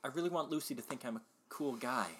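A man's voice: mid-range voice, fast talker, breathy edge, close to an everyday voice. A man playing a nervous son trying to impress a girl, flustered and pleading.

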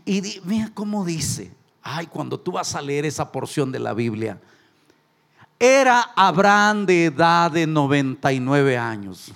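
A Mexican man preaching in church with a slightly high, gravelly voice. He keeps the sermon lively with jokes and has the congregation repeat phrases after him. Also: measured pace. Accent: Mexican Spanish. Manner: animated, joking, urges the congregation to repeat phrases. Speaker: pastor. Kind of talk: sermon with jokes and call-and-response.

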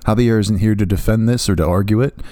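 A man's voice: on the low side, fast talker, warm tone, no echo. A man with a groggy morning voice, recording a rambling aside to listeners while editing his podcast. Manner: rambling, self-correcting, many "uh" fillers. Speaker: podcast host editing the show.

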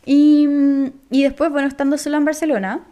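Young Chilean woman, casual podcast guest, high-pitched, rambling slangy delivery. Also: fairly quick, dark tone. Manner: rambling, heavy slang, fillers. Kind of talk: casual chat.

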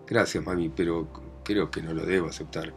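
A man's voice: low voice, fairly even intonation, moderate pace, vocal fry, faint music behind. A man with a Rioplatense accent voicing a subdued adult daughter turning forty in a read-aloud play. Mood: weary. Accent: Rioplatense Spanish.

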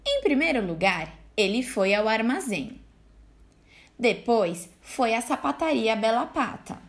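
A woman, a teacher hosting a story podcast, reading a children's tale aloud in an unhurried, expressive way. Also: fairly high pitch.

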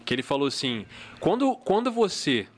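A man hosting a podcast, chatting casually and retelling anecdotes with energy. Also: on the high side. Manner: fast, animated retelling of anecdotes. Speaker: podcast host.

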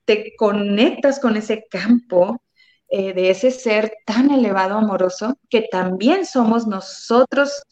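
A woman's voice: medium pitch, darkish tone. A woman talking earnestly and emotionally about love and tears, with many fillers. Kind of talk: spiritual conversation. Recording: dull lo-fi sound.

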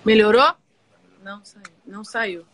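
A woman hosting a live stream, talking over a glitchy internet video call whose audio keeps breaking up, asking in short, hurried checks whether the connection is back. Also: medium pitch, fairly bright tone.

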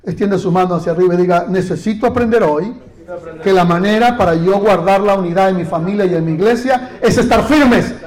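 A man preaching with a very high voice, pressing his listeners over and over. He calls out lines for the congregation to repeat and drives each point home with fervent repetition. His tone is urgent and exhorting throughout. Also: fairly quick, darkish tone. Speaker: pastor. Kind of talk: sermon.

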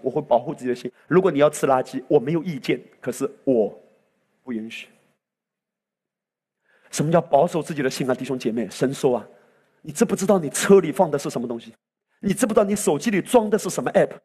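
A man preaching from the pulpit in a husky, somewhat high voice, pressing his points with fervor. His calls ring out into the exclamations of an impassioned sermon. The long reverb of a church hall trails behind every phrase. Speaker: pastor.

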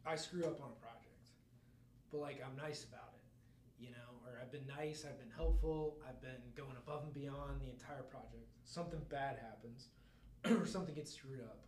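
A man's voice: medium pitch, normal speed, a little mellow, a little hiss or hum. A man chatting casually on a podcast, rambling with many asides and laughs. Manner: rambling, lots of fillers and laughs. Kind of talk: casual chat. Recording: roomy echo, faint ambience.

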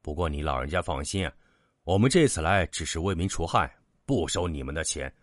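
A man voicing a bold, hot-tempered demon hunter who speaks loudly and bluntly. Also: very deep voice, animated, brisk, no room sound, clean studio sound. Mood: mocking. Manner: loud, blunt and taunting.

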